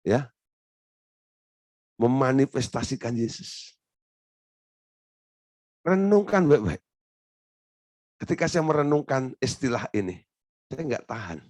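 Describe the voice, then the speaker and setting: A male pastor preaching a sermon, quizzing the congregation with rhetorical questions and jumping into high emphatic bursts. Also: expressive, slow pace, long pauses, a little mellow, no room sound.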